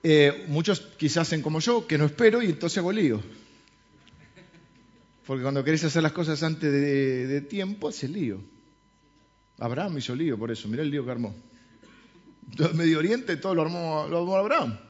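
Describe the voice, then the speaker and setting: A man's voice: on the high side, lively intonation, normal speed, pauses often. A man with a Rioplatense Spanish accent preaching a sermon as a pastor, joking and conversational, full of rhetorical questions. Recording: slightly dull lo-fi sound.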